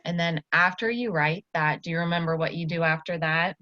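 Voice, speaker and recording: Brisk and bright, with a pushed quality, this fairly low female voice belongs to an Iowa student teacher in her early 20s. She praises and encourages a child during a one-to-one lesson, captured in a dull, echoey, lo-fi room.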